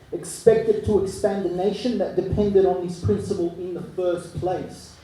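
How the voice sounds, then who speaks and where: A man, performing spoken word poetry live with a rhythmic, rhyming delivery that swings between hushed and forceful. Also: high-pitched. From Chile. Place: live arts venue. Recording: echoey room, mic from far off.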